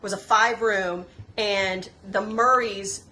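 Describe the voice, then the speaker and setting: A woman's voice: mid-range voice, steady tone, slow, pushed and bright. A woman giving a chatty, enthusiastic tour of an old house, restarting her sentences as she goes. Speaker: history museum staff giving a house tour. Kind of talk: casual chat while touring a house.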